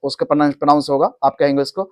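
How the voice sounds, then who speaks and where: A man's voice: fairly high pitch, steady tone, racing. A man with an Indian accent teaching an English class, mixing Hindi with English and having students repeat after him. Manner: asks questions and has the class repeat; mixes Hindi with English phrases. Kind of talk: classroom lesson.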